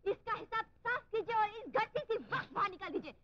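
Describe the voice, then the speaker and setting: An actress playing a spoiled, haughty elder daughter who shouts scornfully, on a muffled old film soundtrack. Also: female voice, very high voice, lively intonation, fairly quick, a little hiss or hum, full character voice. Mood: indignant. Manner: shouting, scornful, mixing English insults.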